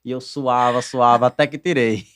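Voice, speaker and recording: A man with a Northeastern Brazilian accent, a podcast host who chimes in with relaxed personal stories. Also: mid-range voice, moderate pace. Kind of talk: conversational podcast interview.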